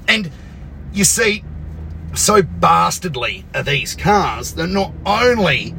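A man's voice: sits high, very animated, slow pace, gravelly, bright, forceful tone, slight background noise. An Australian man telling a casual workshop anecdote, blunt, sweary and sarcastic, acting out the dialogue as he goes. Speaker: car workshop owner and storyteller.

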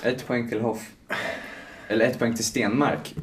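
A man on a casual podcast, answering in a measured, explaining way. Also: mid-range voice, little pitch movement, a little hiss or hum.

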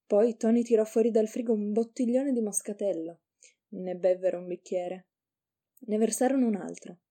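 Woman reading a story, very dark mellow voice. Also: mid-range voice, fairly even intonation, normal speed. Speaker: narrator.

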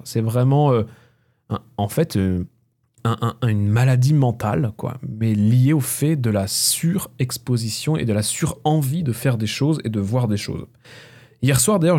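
A man's voice: medium pitch, mellow. A man in his thirties hosting a casual solo podcast, rambling and self-mocking with lots of fillers, close to a mic with a pop filter. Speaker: podcast host. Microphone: close microphone with pop filter.

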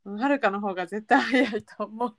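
A woman's voice: fairly quick, creaky, dry recording, clean studio sound. A young woman with a Kansai accent, chatting casually as a podcast co-host and playing out quoted lines. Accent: Kansai Japanese. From Kansai, Japan. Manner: animated, acts out quoted lines in a high voice. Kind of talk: casual chat.

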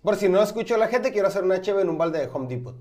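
Brief: Mexican male podcast host, crude, swearing, joking, fairly high voice. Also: animated, quick pace, a little mellow. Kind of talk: casual chat over beer tasting.

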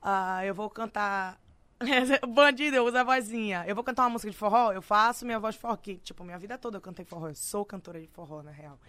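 A Brazilian woman singer telling stories in casual, slangy chat, animated and laughing often. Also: medium pitch, fast talker, hardly any pauses, no echo. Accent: Brazilian Portuguese. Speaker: singer guest.

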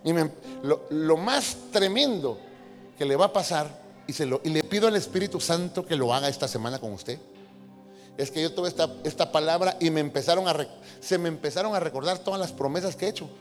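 High-voiced preacher. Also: male voice, brisk. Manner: animated preaching, acting out quoted voices. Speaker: pastor. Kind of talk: sermon. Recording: reverberant hall with faint music.

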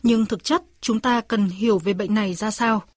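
Husky lady narrator, scripted health bit, very dry sound. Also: mid-range voice, fairly even intonation, normal speed, no echo. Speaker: segment narrator.

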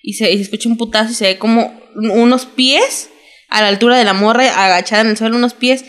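Co-host: young Mexican woman, slangy animated storyteller, a bit high-voiced. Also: fast. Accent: Mexican Spanish. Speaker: podcast co-host. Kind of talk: casual chat recapping a drama.

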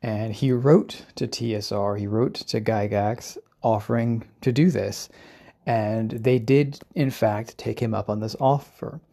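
A man talks as a solo podcast host, explaining in an informal lecturing way. His voice sits fairly low, with plenty of fry and a dark, relaxed tone. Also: measured pace.

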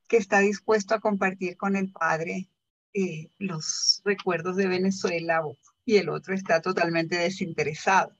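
A woman's voice: medium pitch, muffled recording. A woman politely putting a long question to a writer during a panel talk. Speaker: audience questioner.

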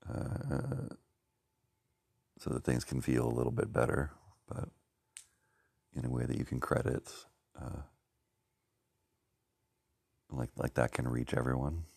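A man musing slowly and haltingly, searching for words with many pauses and fillers. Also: a bass voice, level tone, creaky, breathy edge, no room sound, studio quality. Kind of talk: rambling reflective talk.

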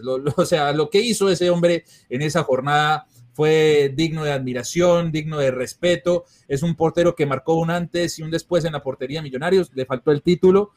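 A man's voice: fairly high pitch, darkish tone. A man from Colombia, a sports journalist and podcast guest, talking enthusiastically and rambling with fillers. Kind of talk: casual podcast chat.

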